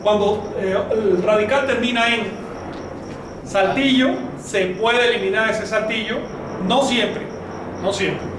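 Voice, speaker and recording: A man with a fairly high voice teaches a class, explaining slowly and firing questions at his students. He is heard from a distance in a very echoey room. Faint noise sits behind him. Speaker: language teacher. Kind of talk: classroom lesson.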